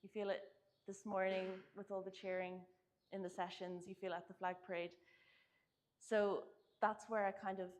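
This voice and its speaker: A woman's voice: medium pitch, little pitch movement, normal speed, darkish tone. A young woman from Ireland, giving a presentation about her research in an earnest, casual way, often saying "kind of" and "like". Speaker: conference speaker. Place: conference hall.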